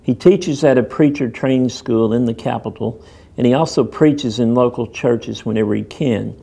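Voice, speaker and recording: Mellow-voiced man narrating a mission report. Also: mid-range voice, moderate pace, gravelly, slightly rough. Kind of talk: documentary narration.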